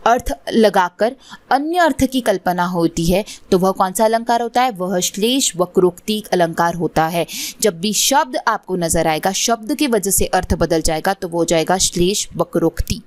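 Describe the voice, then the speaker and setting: A woman's voice: a little high, dry recording. A woman teaching an online exam-prep lesson, mixing English words into her Hindi and often checking in with "theek hai".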